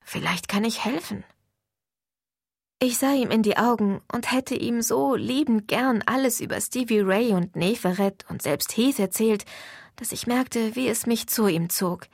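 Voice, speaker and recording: Woman with a gravelly audiobook voice. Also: on the high side, moderate pace, no room sound, studio quality. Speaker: audiobook narrator. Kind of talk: first-person audiobook reading.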